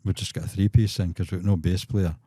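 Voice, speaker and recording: Brief: Glaswegian musician in his sixties, dark low voice, spins anecdotes and acts out quotes. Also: fairly even intonation, fairly quick, breathy edge, no echo, clean studio sound. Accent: Scottish, Glaswegian. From Scotland. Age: 60s. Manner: chuckling raconteur, acts out quotes. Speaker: musician guest. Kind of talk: anecdotal storytelling in a podcast.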